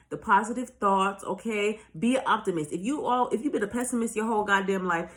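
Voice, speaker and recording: A woman's voice: mid-range voice, fairly bright tone. A woman speaking as a spiritual life coach in a casual motivational monologue, blunt and profane, pressing her points with repeated rhetorical questions. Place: at home, recording on her own.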